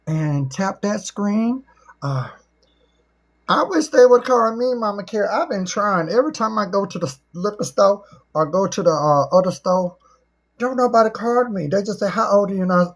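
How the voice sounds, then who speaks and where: With a husky, medium-pitched voice, this middle-aged livestream host keeps the conversation casual, folksy and playful, teasing and joking as she goes.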